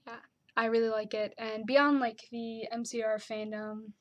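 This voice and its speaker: A woman's voice: a little high, level tone, moderate pace, highs cut off. A young woman chatting casually to her camera, with lots of "like" and "um" fillers. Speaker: vlogger.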